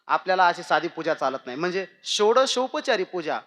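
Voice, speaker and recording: Guy doing show-off young son-in-law, bright and high, full of himself. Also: big pitch swings, fairly quick. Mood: boastful.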